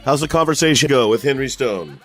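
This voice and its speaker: A man's voice: medium pitch, lively intonation, brisk, faint music behind. A man hosting a podcast, chatting casually and asking his guest follow-up questions. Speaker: podcast host. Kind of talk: casual interview.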